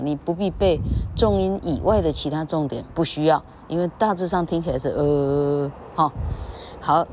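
A woman's voice: fairly low pitch, a little mellow, slight background noise. A woman teaching English vowel sounds in casual Mandarin with a Taiwanese accent. She drawls out each vowel as she demonstrates it and tags her phrases with a little "ha". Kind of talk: casual spoken lesson. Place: recording under an elevated railway bridge.

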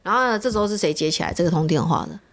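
A woman, an online shop owner telling customer stories in casual chat with animated flair. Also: fairly low pitch, over a noisy crowd. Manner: animated storyteller, quick and expressive.

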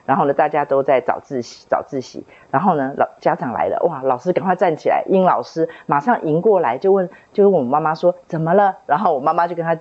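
A woman's voice: deep voice, fast talker, hardly any pauses, darkish tone, dull audio. A woman in her fifties telling a personal story from childhood in an earnest, reflective way, often repeating herself as she remembers. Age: 50s. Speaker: book club member sharing a testimony.

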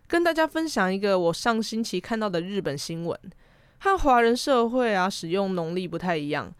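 A woman's voice: medium pitch, smooth, no room sound. Young Taiwanese Mandarin woman, close dry recording. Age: young adult. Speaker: podcast co-host. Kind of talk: casual chat about anime and pop culture.

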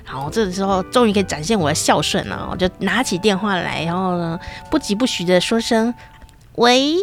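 A woman's voice: on the low side, a little fast, faint music behind. A middle-aged woman telling a comic personal story in a chatty, playful way, with many sentence-final particles. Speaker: storyteller host.

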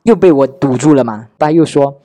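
A man's voice: medium pitch, a little fast, dark tone, no room sound. A man in his thirties, hosting a podcast, tells a personal story candidly and wryly, replaying his conversations with relatives. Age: 30s. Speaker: podcast host. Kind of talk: casual storytelling monologue.

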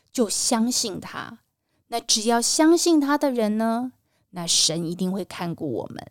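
Gentle woman telling kids' Bible stories. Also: on the high side, no echo, clean studio sound. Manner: gentle, addresses children directly with coaxing questions. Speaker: children's Bible storyteller. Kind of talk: storytelling to children.

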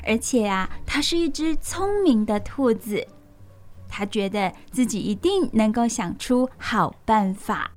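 High-voiced woman reading to little children. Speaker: children's radio storytelling host. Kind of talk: reading a picture book aloud to young children.

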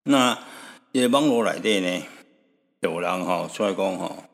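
Deep gravelly man hosting radio. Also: normal speed, big-room sound. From Taiwan. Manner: rambling, relaxed, sprinkles tag particles and chuckles. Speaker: radio host. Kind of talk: chatty radio storytelling. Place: radio studio.

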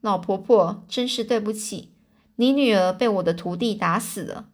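A woman voicing a gentle, soft-hearted monk master in a children's storybook reading. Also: mid-range voice, moderate pace, close to an everyday voice. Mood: sorry.

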